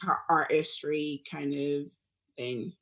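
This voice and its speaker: Young woman from nigeria, slow halting talk, lots of ums, bright voice. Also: low voice, steady tone. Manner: hesitant, many fillers and restarts, laughs often. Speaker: guest artist. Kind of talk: casual interview chat.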